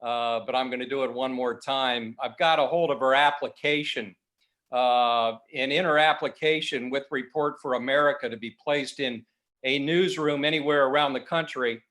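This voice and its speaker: A newspaper editor speaking at a community annual meeting, reading passages aloud with frequent fillers. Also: male voice, medium pitch, fairly even intonation, fairly bright tone. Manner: reads quotes slowly, with many fillers.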